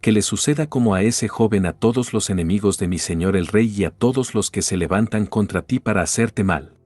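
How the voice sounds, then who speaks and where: A man's voice: lowish voice, fairly quick, darkish tone, no room sound, natural voice. A man reading as a foreign war messenger. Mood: formal. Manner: plain read-aloud delivery.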